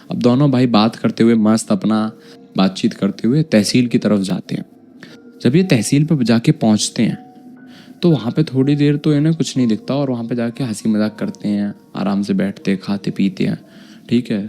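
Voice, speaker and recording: A man's voice: on the low side, dark tone. A man telling a horror story in a casual, chatty way, with asides to his listeners.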